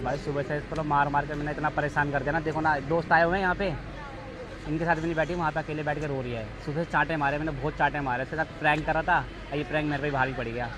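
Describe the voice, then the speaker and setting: A man's voice: a little high, steady tone, very fast. A young man vlogging outdoors in a park, teasing his partner with a prank and then coaxing and apologizing. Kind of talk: casual vlog chat. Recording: noisy outdoor street ambience.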